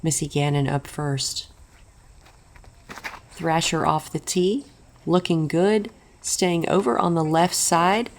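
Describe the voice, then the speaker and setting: A woman's voice: low voice, takes it slowly, long pauses, slight background noise. A woman commentating on a disc golf tournament in a golf commentator's style, describing play over footage. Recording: music behind the voice. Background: background music.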